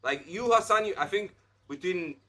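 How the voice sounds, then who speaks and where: A man's voice: high voice, expressive, normal speed, sharp tone. A man in his thirties hosting a casual podcast chat, blunt and preachy, peppering his talk with "like". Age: 30s. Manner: heavy use of "like", blunt and preachy. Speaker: podcast host.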